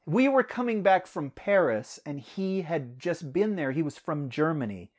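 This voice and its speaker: An American audiobook narrator chats about a trip in a relaxed podcast conversation. The voice moves a lot in pitch, with laughs slipping into the telling. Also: moderate pace. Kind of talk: casual podcast chat.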